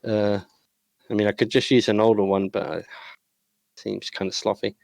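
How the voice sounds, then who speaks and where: A man's voice: on the low side, level tone, normal speed, creaky, a little mellow, dry recording. A man narrating as game master, rambling with lots of uh and you know.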